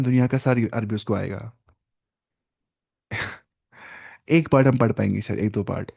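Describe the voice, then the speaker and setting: A man teaching an online Arabic lesson, saying each word slowly and repeating it with patient explanations. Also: mid-range voice, vocal fry, mellow.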